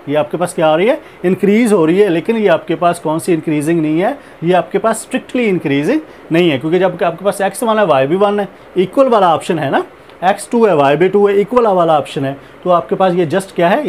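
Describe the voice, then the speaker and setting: A man with a high-pitched voice gives a recorded math lecture, working through each step slowly and deliberately. He slips English math terms into his explanation and keeps coming back to the same filler phrases. A faint hiss sits under the recording. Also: darkish tone. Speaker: math teacher.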